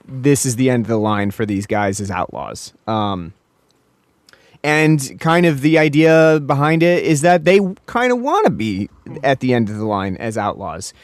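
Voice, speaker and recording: A man's voice: mid-range voice, animated, measured pace, no room sound. A man co-hosting a podcast, chatting casually about a film, rambling with many restarts and fillers. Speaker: podcast co-host.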